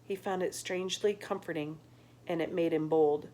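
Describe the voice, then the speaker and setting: A woman reads a novel aloud with an expressive, emotive delivery that swells with the story. Her voice sits somewhat low for a woman. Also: moderate pace. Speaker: audiobook reader.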